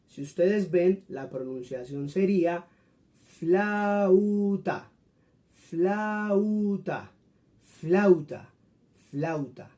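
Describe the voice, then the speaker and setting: A man's voice: high-pitched, dark tone. A man teaching a friendly Spanish lesson, patiently explaining and repeating example words for his viewers.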